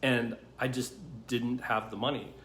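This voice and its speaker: A man's voice: medium pitch, little pitch movement, unhurried, fairly bright tone. A man hosting a storytime monologue, talking conversationally and repeating himself with lots of "you know" and "okay?". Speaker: host. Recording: roomy with faint background noise.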